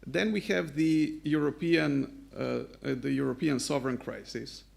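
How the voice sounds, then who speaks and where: A man's voice: medium pitch, steady tone, measured pace, creaky. A man from Slovenia speaking as a panelist at a conference, laying out his points in an assertive, structured way.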